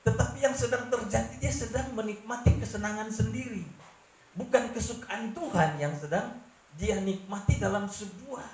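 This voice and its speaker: Earnest Manado pastor in an echoing church. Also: male voice, moderate pace. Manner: earnest preaching, sweeping from low confiding tones to raised emphatic ones. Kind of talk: sermon. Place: church hall. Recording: roomy church echo, faint ambience.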